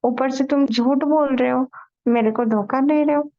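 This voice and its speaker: A woman's voice: sits high, fairly even intonation, normal speed, dull audio. A woman voicing an ailing, elderly grandfather in a spiritual story, scolding harshly.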